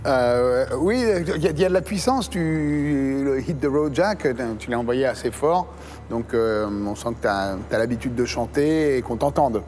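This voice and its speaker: Measured man judge, hesitant critique. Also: mid-range voice, expressive, darkish tone, a little hiss or hum. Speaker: talent show judge. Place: audition room.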